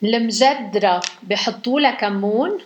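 A woman's voice: a little high, normal speed, lo-fi sound, a little hiss or hum. A young woman with a Lebanese accent chatting casually with her mother, playful and full of teasing questions. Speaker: daughter on a call with her mother. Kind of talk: casual family phone chat.

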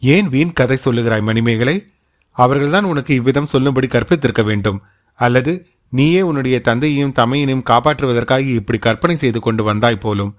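A man's voice: medium pitch, a little fast, lightly acted. A man voicing a proud, stern royal princess who scolds and commands. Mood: disbelieving.

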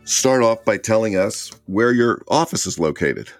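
A man's voice: on the low side, expressive, measured pace, soft background music. A man hosting an interview podcast, presenting and putting questions in a conversational way. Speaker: podcast host, lawyer. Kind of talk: scripted intro and conversational interviewing.

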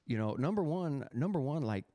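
A man's voice: mid-range voice, fairly quick, dry recording. Man telling a dramatic personal testimony. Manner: animated storytelling with many restarts. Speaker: podcast host.

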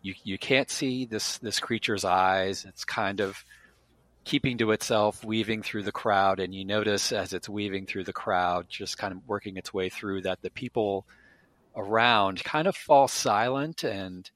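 A man narrating a tabletop game as a player, halting, with many fillers and restarts. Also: fairly low pitch, fairly bright tone, dry recording.

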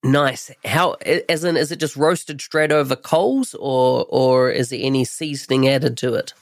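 A man's voice: medium pitch, fairly even intonation, unhurried, gravelly, no echo, studio quality. A man hosting an interview podcast, introducing his show and guest and asking questions.

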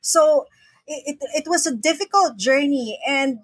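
In this casual podcast interview, a middle-aged woman from the Philippines talks earnestly from her home, frequently repeating words at the start of her sentences. Her voice is high-pitched and a little slow, and the sound has no echo.

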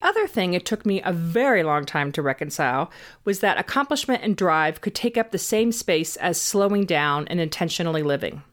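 A woman with a lowish voice hosts scripted self-help narration, giving the listener tips briskly. She's upbeat and orderly, with lively intonation and stress on key words.

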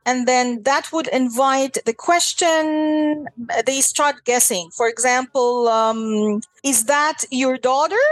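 High-voiced woman teacher explaining a class game, lots of ums, dry close sound. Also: dry recording, rough recording. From Egypt. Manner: measured, with frequent fillers and restarts. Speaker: guest teacher.

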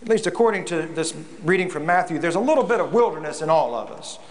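A man's voice: fairly high pitch, animated, fast talker. Reflective man preaching a sermon. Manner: reflective, with frequent repeated words. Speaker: pastor. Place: church.

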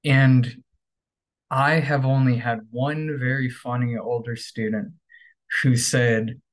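A man explains grammar in an easygoing, unhurried way, stretching out his words. He leans on fillers and keeps checking in with "right?". His voice sits at an ordinary middle pitch. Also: rough recording. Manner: relaxed, filler-heavy, frequent "right?". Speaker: English teacher, podcast host. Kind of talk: casual podcast lesson. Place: home bedroom workstation.

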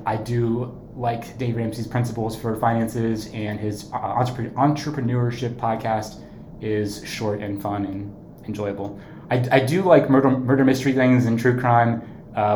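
A man's voice: medium pitch, fairly even intonation, normal speed. Easygoing male podcast host, roomy sound. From Ohio, USA. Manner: easygoing, laughs often. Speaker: podcast co-host, marketing agency owner. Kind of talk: casual podcast chat. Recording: roomy, faint background noise.

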